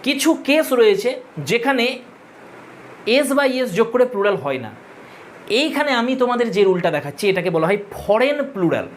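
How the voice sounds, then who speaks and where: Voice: mid-range voice, big pitch swings, a little fast, long pauses, slight background noise. Grammar teacher drilling rules. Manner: repeats rules in drill fashion and spells words out letter by letter; addresses students directly and corrects pronunciation. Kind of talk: exam-prep grammar lesson.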